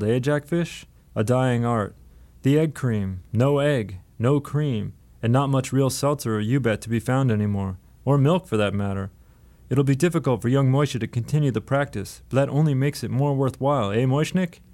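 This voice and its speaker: A man's voice: mid-range voice, normal speed, darkish tone, close to an everyday voice. A man doing Balthazar, a wry grand old rebbe. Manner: wry, lordly and instructive.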